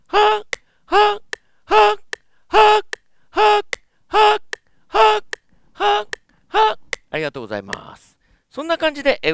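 A man's voice: high voice, fairly bright tone, clear, resonant tone, dry recording. A man teaching as a vocal coach, explaining politely with many filler sounds. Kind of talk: instructional lesson.

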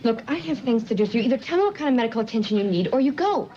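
A woman acting a young nurse in a soap opera, firm and easily exasperated. Her mid-pitched voice is curt and guarded. It comes through slightly muffled old television audio with a faint layer of noise. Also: a little fast, a little mellow, natural voice. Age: young adult.

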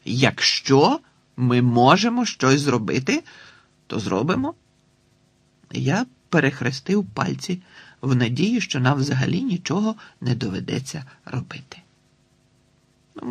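Lively husky male storyteller. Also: a little high, dry recording. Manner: lively, expressive reading. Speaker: audiobook narrator. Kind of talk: first-person storybook narration.

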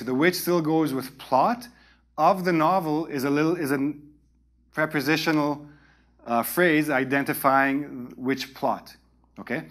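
A man in his forties giving an instructional grammar lecture as a teacher, explaining step by step with emphatic pauses and check-in tags. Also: mid-range voice, a bit bright. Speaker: English writing teacher.

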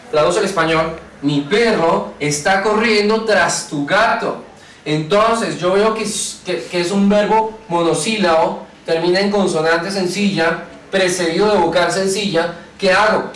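A man teaching an English grammar lesson at a whiteboard, patiently asking and answering his own questions and slowing down to read example sentences. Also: high-pitched, a bit bright, recorded from a distance, slight background noise. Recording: echoey room, teacher away from mic.

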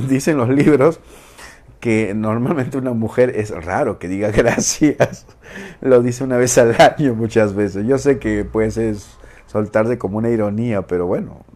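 A man's voice: medium pitch, darkish tone. A man hosting an online talk for women, playful and teasing, laughing often and acting out phrases. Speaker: online show host. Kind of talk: casual talk to a female audience.

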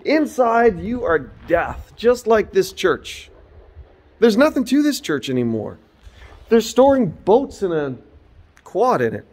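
A man in his forties preaches an earnest, informal sermon inside an empty old church, filmed on a phone held at arm's length. His slightly mellow voice moves slowly, with big pitch swings rising and falling.

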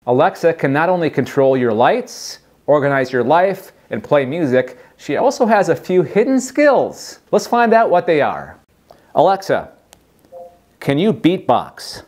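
His voice runs a bit high and he doesn't rush. Demonstrating a voice assistant in an informal tech demo, the host asks it questions with lively amusement.

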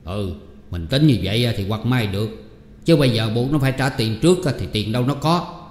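A man voicing a gruff, stingy middle-aged man who scolds and makes demands. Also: mid-range voice, animated, brisk, darkish tone, lightly acted. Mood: scolding. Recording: echoey room with long reverb.

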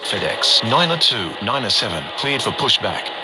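A man's voice: mid-range voice, very animated, moderate pace, music in the background. A man voicing a businesslike pilot and controller in an air traffic game, with clipped procedural calls over a crackly aviation radio. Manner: procedural, clipped call-outs. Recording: noisy game audio, aircraft ambience.

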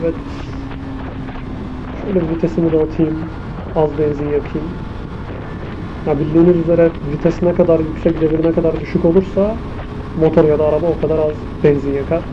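A motorcycle vlogger chats casually while riding outdoors, his slightly high voice flat, brisk and full of pauses as he thinks aloud and comments on traffic. A mic inside his helmet muffles him, and loud wind, engine and traffic noise fill the recording.

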